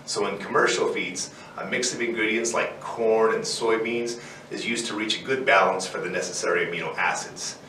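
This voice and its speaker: A plainspoken male co-host delivers a scripted educational explainer on an indoor studio set with a barn-wood backdrop. His lowish voice is pushed and bright at a normal speed, captured by a distant mic with roomy echo and faint noise.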